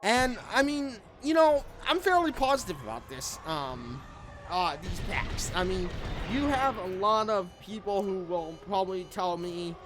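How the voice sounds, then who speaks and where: A sing-song, mid-range voice, a little slow, belongs to a gaming host rambling through a casual game review indoors at home in a small room. The lightly scripted commentary often repeats and rephrases itself while music plays behind it.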